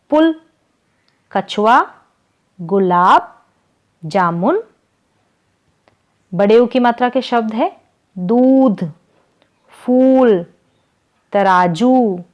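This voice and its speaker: A woman teaching a reading lesson, slowly spelling out syllables and example words one at a time. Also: medium pitch. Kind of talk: slow, careful Hindi vowel-sign lesson.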